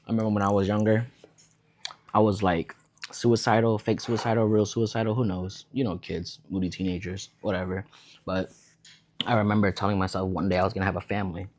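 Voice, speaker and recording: Deep-voiced man, relaxed rambling vlog chat. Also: brisk. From Vietnam. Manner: laid-back, rambling storytelling. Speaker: vlogger. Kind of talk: casual eating vlog chat.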